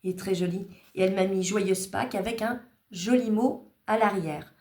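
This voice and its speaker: A woman's voice: medium pitch, steady tone, normal speed, a little mellow. A woman hosting a craft channel, casually showing cards she was sent and thanking each maker in a chatty, grateful way with small hesitations. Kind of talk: casual show-and-tell of cards. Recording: echoey room.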